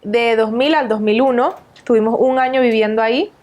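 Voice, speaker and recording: A woman in her thirties from Venezuela, a nutritionist guest in an interview, calmly recounting her life in many countries. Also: a little high, fairly quick. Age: 30s. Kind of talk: interview storytelling.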